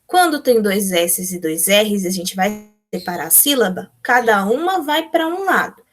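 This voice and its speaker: A woman's voice: medium pitch, big pitch swings, unhurried. A Brazilian woman teacher talking pupils through textbook exercises step by step, patient and explaining, answering questions they might ask. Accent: Brazilian Portuguese. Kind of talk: remote class walkthrough of textbook exercises.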